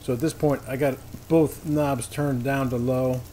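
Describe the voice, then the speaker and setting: At a measured pace and in a steady, dark, mid-range voice, a cooking show host explains his griddle work outdoors. The patio is paved, his instructions folksy and easygoing, and the sound of frying food comes through clearly behind him.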